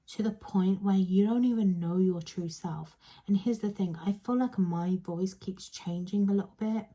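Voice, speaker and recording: Slow, breathy, dark-toned woman tarot reader. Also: lowish voice. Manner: soft, partly whispered, intimate address to the viewer; repeats phrases and checks in with "okay?". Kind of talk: pick-a-card tarot reading.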